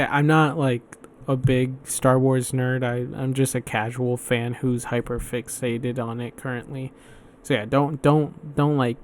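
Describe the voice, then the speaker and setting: A man's voice: mid-range voice, a little mellow, a little hiss or hum. A man hosting a solo podcast, chatting casually and rambling, swearing and restarting his sentences often. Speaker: podcast host.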